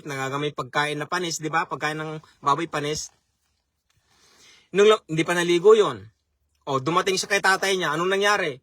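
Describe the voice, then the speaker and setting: Bright high-voiced male preacher. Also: no echo, studio quality. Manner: repeats key phrases for emphasis. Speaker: chaplain and preacher. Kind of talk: sermon.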